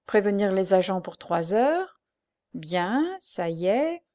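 A woman's voice: medium pitch, sing-song, warm tone. A woman doing a sly teasing police agent. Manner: teasing, unhurried, mocking.

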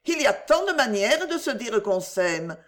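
Brief: woman voicing a vehement young storybook heroine, lively high pitch, pleading. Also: a little slow. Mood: pleading, indignant. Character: passionate young woman defying an arranged marriage.

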